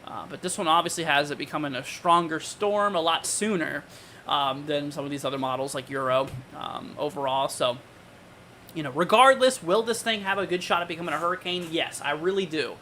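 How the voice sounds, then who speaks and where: Bright, higher-voiced man giving casual weather commentary. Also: a little fast, slight background noise. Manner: informal, conversational, thinking aloud. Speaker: weather livestream host.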